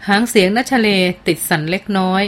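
A woman voicing a gentle teenage girl who comforts a friend in a soft, slightly trembling voice. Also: medium pitch, fairly quick, natural voice. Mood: consoling.

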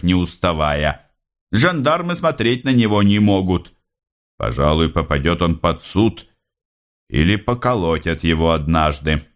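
A man voicing a warm, outspoken young male revolutionary in an easy, talkative and friendly way. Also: sits low.

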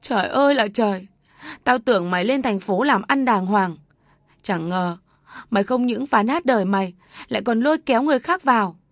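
A woman's voice: a little high, expressive, fairly quick, dry recording, studio quality. A woman voicing a heartbroken, outraged rural mother who rebukes her daughter in a raised, wailing voice. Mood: anguished.

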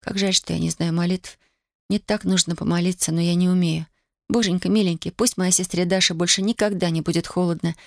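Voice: medium pitch, fairly even intonation, brisk, creaky, no echo, close to an everyday voice. A reader voicing a stubborn young woman grieving in wartime, in a dry studio audiobook recording. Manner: cold, insistent, pleading. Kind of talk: audiobook character voice.

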